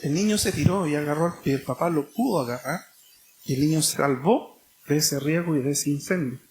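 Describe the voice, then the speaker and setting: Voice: medium pitch, brisk, darkish tone, a little hiss or hum. Emphatic Chilean preacher. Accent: Chilean Spanish. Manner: emphatic, repetitive, rhetorical questions. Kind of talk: sermon.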